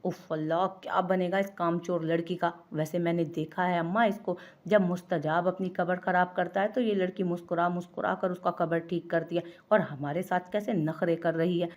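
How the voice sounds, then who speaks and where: A woman's voice: on the low side, steady tone, moderate pace, few pauses, darkish tone, lightly acted. Woman narrator voicing a playful, teasing young guy; light and cheerful.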